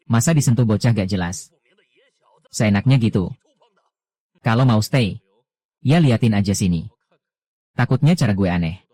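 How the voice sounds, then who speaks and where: A man narrating an anime recap in casual slang, reading every character's lines in one steady voice. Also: on the low side.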